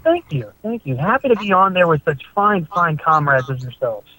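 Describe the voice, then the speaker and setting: A man's voice: fairly high pitch, big pitch swings, normal speed, sharp tone, poor audio. A man calling in to a casual radio show over a cell phone, talking in a rambling, hesitant way with restarts. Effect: phoning in over a cell phone. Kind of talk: casual radio call-in chat.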